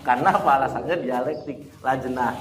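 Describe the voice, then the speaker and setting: A man's voice: mid-range voice, fairly quick, noisy background. A man teaching a Quran lesson in an informal classroom way, chatty and often laughing as he answers students. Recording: echoey room with faint ambience.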